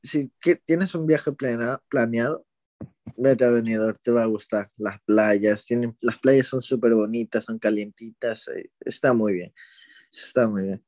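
A young man from Ecuador talks at a measured pace with a medium pitch, casually answering as an interviewee. Relaxed and slightly rambling, he hesitates and corrects himself along the way. The recording is dry with clean studio sound.

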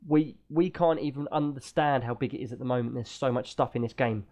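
A man's voice: mid-range voice, brisk, a little mellow. A British man talking casually and enthusiastically as the host of a gaming podcast.

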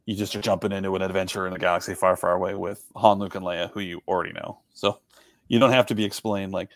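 The third co-host clip features a low, fast-talking man whose intonation stays fairly even, recorded without echo. He chats casually and rambles, restarting often and leaning on fillers.

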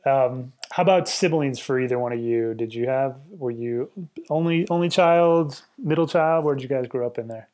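A man co-hosting a podcast, asking guests questions in a relaxed, thoughtful way, often trailing off quietly. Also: medium pitch, normal speed. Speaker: podcast co-host. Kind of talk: conversational interview.

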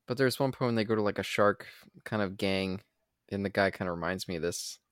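A man's voice: lowish voice, a little fast, no echo, studio quality. A man giving casual, joking film commentary with friends in an irreverent, crude, sweary way.

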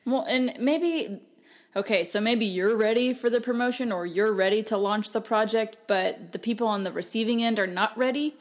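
A woman's voice: a little high, moderate pace. Earnest woman co-hosting a podcast. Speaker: podcast co-host. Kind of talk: casual faith-based self-help chat.

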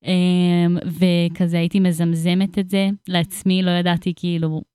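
A woman's voice: fairly low pitch, little pitch movement, mellow, clean tone, no room sound, studio quality. A young woman, a musician chatting casually as an interview guest, full of slang and fillers.

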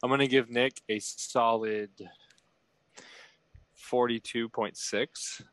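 Bright-voiced playful man judging. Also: medium pitch, fairly even intonation, slow, no echo. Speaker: podcast co-host, judge of the game. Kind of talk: casual chat.

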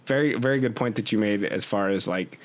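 A man's voice: fairly low pitch, a little fast. A man co-hosting a podcast in casual chat, full of "like" and "you know", who acts out the body talking to itself. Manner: loose and chatty, lots of "like" and "you know", acts out the body's inner voice.

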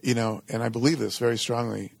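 A middle-aged man speaks with a pronounced creak in an ordinary male register. He sounds close and dry, sharing personal reflections as an interview guest in an informal, halting, conversational way. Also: mid-range voice, steady tone, dry recording. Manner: halting, informal, frequent "you know". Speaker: interview guest, company executive.

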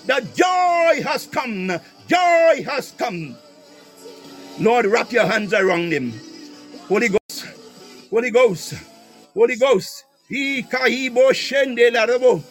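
A man leading a fervent prayer, piling up invocations, breaking into tongues and shouting at times. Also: extremely high pitch. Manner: rapid repeated invocations, speaking in tongues, bursts of shouting. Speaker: prayer leader.

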